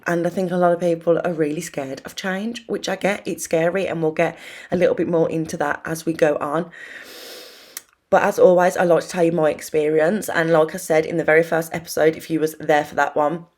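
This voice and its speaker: A woman's voice: deep voice, little pitch movement, a little fast, a little mellow. A young British woman with a slightly wheezy voice, chatting casually and informally to viewers as the host of a self-help video. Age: young adult. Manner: informal, rambling and confiding.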